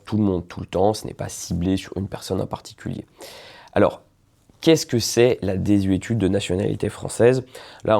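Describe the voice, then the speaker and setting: A man who is a lawyer explains nationality law in an informal video, speaking conversationally with frequent hesitations and check-ins with the listener. His voice is low-pitched and dark-toned, with vocal fry.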